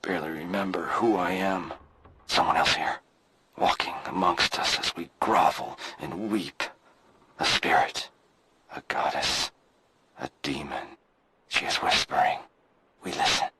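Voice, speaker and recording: An actor playing an unhinged male expedition survivor losing his mind, speaking in halting, breathy fragments. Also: deep voice. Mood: dazed. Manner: clipped, broken phrases with sudden outbursts. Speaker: game character, expedition survivor. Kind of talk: recorded journal monologue. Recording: noisy game audio.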